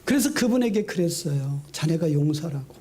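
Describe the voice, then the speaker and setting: A middle-aged man preaching a sermon in a notably high but mellow, warm-toned voice. He tells his stories with animation, swinging from high excited bursts to low hushed lines. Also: normal speed, slight background noise. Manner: lively storytelling, acting out quotes. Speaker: senior pastor.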